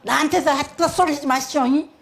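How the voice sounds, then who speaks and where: A woman's voice: sits high, steady tone, brisk, vocal fry, voice pushed up. A woman voicing a blunt, teasing woman friend who speaks in a South Jeolla dialect.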